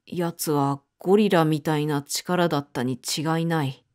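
A woman's voice: low voice, a little mellow. A woman reading the lines of a stern, businesslike male police chief in a storybook. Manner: brisk, businesslike.

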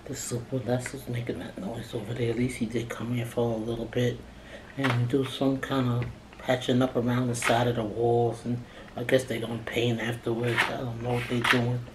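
A middle-aged woman with a low voice eats at a table in a small indoor room for a mukbang vlog, chatting casually between bites. She speaks at a normal speed with little pitch movement, and the camera sits a short distance away on the table, picking up an echoey room and background noise.

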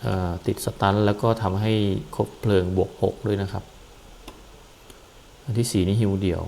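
A man casually explaining a game's character class and skills, relaxed and hesitant, with frequent pauses and fillers. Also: fairly low pitch, creaky, slight background noise, low-quality recording. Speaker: gameplay commentator. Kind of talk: casual game walkthrough.

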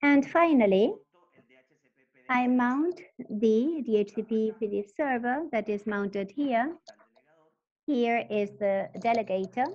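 A woman giving a technical presentation in a halting, stop-start way, interpreting for the speaker. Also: a little high. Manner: halting, stop-start delivery while explaining. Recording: dull lo-fi webinar audio.

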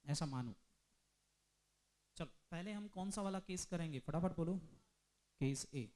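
A male commerce teacher lecturing a class, mixing Hindi with English terms and firing quick questions at students. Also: fairly high pitch, expressive, mellow. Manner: drills students with rapid questions.

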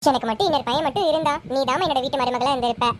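A doting middle-aged mother-in-law, as a woman voices her speaks affectionately in a slightly lowered but still high voice. She gives her advice with motherly fondness. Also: rapid-fire, a little hiss or hum, lightly acted.

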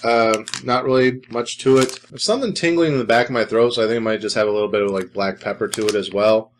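A man's voice: fairly low pitch, steady tone, fast talker, a little hiss or hum. Dry-humored man reviewing snacks. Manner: dry, sarcastic, rambling with fillers. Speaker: food reviewer host. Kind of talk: casual food review vlog.

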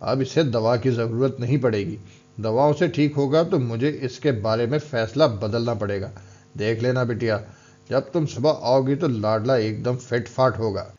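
A man voicing a gruff, taunting strongman. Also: mid-range voice, moderate pace, a little mellow, natural voice. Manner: harsh, scolding, taunting. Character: gruff older male strongman mentor, stern and mocking. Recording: dull lo-fi recording.

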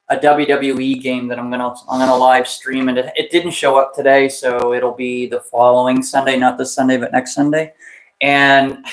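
A man hosting a toy live stream in casual chat, excited and chatty, laughing often and restarting his phrases. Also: mid-range voice, roomy sound, poor audio.

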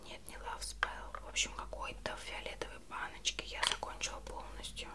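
A woman in her twenties speaking in a soft breathy ASMR whisper, rambling and self-ironic as she chats through a product review, often searching for words. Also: normal speed. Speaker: ASMR beauty vlogger. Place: small bedroom at home, indoors.

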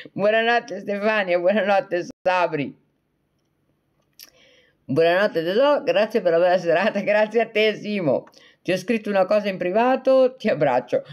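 A woman's voice: mid-range voice, darkish tone. A woman hosting a casual livestream, chatting with viewers in a joking way, reading out their comments and replying. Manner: chatty and joking, breaking often into laughter; reads out and answers viewer comments. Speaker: livestream host.

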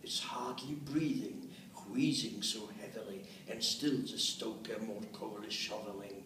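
An elderly translator in his eighties presents and recites verse in a meeting room, reading expressively with rhythmic emphasis and adding spoken commentary. His lowish voice is steady, unhurried and fairly bright. A camera or phone a short distance away gives a roomy, distant sound with faint noise.

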